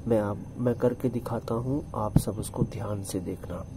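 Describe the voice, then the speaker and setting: A man teaching a pencil shading lesson step by step, calmly repeating instructions to his students. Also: lowish voice, normal speed, heavy background noise. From India. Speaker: drawing teacher. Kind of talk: step-by-step art tutorial.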